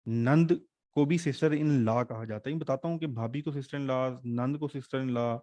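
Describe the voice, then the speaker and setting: A male teacher runs an online exam-prep class in a chatty, joking way. His voice sits at an ordinary middle pitch and is recorded dry and close on a desk mic, with no room sound. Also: measured pace, dark tone, dry recording. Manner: chatty, joking teacher mixing English terms.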